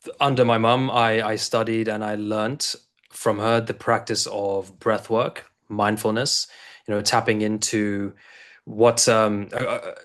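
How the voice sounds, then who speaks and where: Male guest, 30s, low-pitched, loose rambling delivery with frequent restarts. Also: flat delivery, measured pace, fairly bright tone. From South Africa. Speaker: guest, integration coach. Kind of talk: casual interview talk.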